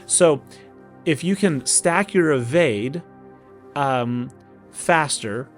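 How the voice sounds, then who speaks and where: Talking extremely slowly in a voice on the high side, a man from Oklahoma hosts a gaming video. In his Oklahoma accent he gives relaxed strategy commentary, folksily talking to himself while music plays behind him.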